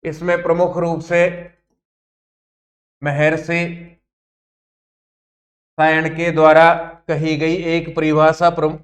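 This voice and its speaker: Male lecturer, exam-prep class, high-ish monotone, deliberate word-by-word repetition. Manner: slow, repeats key terms word by word for dictation. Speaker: Sanskrit teacher.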